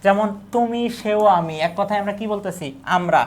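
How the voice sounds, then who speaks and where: A woman's voice: mid-range voice, brisk. A woman teacher, giving an exam-prep lecture. She asks questions and then answers them herself, and she repeats key words and lists.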